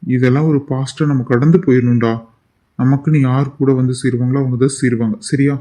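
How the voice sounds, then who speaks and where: A man voicing a loyal young friend in a cartoon drama who calmly reassures his friend. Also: medium pitch, a little fast, natural voice. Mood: consoling. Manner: steady, reassuring, firm.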